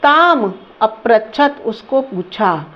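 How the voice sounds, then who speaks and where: Slow high-voiced woman teaching a lesson. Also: animated, lo-fi sound. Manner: slow, repeats words and asks the class questions. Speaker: Sanskrit teacher. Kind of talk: line-by-line lesson translation.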